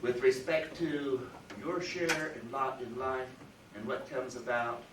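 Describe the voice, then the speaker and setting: Recorded from the far side of a roomy lecture hall with faint ambience and a noisy background, a man lectures on philosophy at a university. He takes it slowly in a mid-range voice with fairly even intonation, yet hits key words emphatically.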